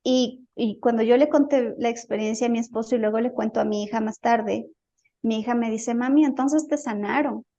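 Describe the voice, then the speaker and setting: A woman's voice: on the high side, little pitch movement, fairly quick, dark tone. Dull-sounding woman telling a story. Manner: hesitant, repeats words while searching for them. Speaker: guest recounting a healing experience. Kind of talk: casual storytelling in an interview.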